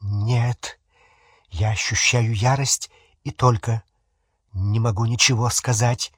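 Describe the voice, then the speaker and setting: A man voicing a strained, brooding teenage boy wizard in an audiobook, who mutters low. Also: steady tone, slow, slightly rough, no room sound, clean studio sound. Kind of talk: audiobook character voice.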